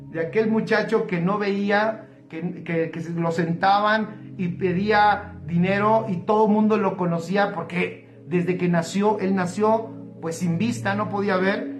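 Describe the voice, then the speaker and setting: A woman preaching a sermon, retelling stories with lively acted-out dialogue. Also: mid-range voice, reverberant. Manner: animated storytelling, acting out quoted dialogue.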